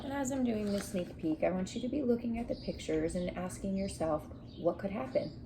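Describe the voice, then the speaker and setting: A young woman teacher sits on her living-room couch for a read-aloud, explaining things and prompting children with questions. Her medium-pitched voice is expressive and brisk, recorded by a camera a short distance away amid clearly noisy room sound.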